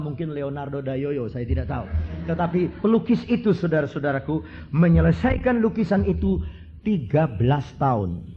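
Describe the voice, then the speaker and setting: A middle-aged man preaching a sermon, moving from hushed storytelling to fervent, repetitive emphasis. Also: mid-range voice, muffled recording, slight background noise.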